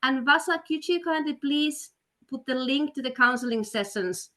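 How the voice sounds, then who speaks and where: This webinar host, a study counselor, pitches her education presentation with upbeat persuasion and frequent fillers. Her voice is high and sharp at a normal pace, captured on a video call.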